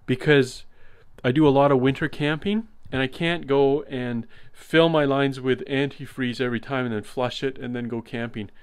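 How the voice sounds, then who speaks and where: A man giving a relaxed walkthrough of his trailer build, explaining as he goes with some fillers. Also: mid-range voice, moderate pace, few pauses, clear, resonant tone, dry recording. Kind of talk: casual walkthrough tour. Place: inside a converted cargo trailer.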